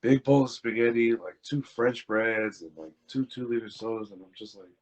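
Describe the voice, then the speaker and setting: A young man, an interview guest, telling family stories in a casual way, laughing and doing lively voices for the people in them. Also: fairly low pitch, moderate pace. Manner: laughing, animated impressions in retelling. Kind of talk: casual storytelling. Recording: dull lo-fi audio.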